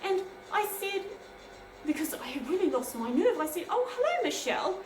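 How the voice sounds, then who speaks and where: Lively New woman telling a story. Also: sits high, moderate pace, distant mic, soft background music. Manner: lively, self-mocking, lightly amused. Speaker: vlogger. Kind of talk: personal anecdote storytelling. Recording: roomy echo, off-mic, faint noise.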